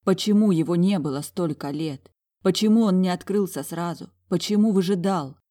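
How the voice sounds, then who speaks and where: Woman reading a novel aloud in first person, measured and calm. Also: lowish voice. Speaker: audiobook narrator.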